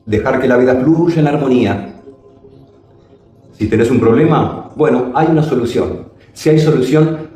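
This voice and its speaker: A man telling a spiritual personal story dramatically, his pitch swooping and his phrases slow and drawn out. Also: a little mellow. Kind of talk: personal testimony. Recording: very echoey room.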